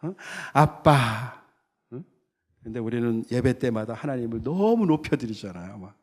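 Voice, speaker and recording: A man's voice: mid-range voice, expressive, normal speed, a little mellow. A man who is a missionary pastor, preaching a sermon in a conversational way and often checking that his listeners agree. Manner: conversational, keeps asking the congregation to agree; tells stories and acts out the characters.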